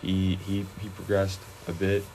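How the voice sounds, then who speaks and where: A young man, a high school wrestler, chatting casually in an interview, relaxed and rambling with many fillers and restarts. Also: measured pace, slight background noise, poor audio.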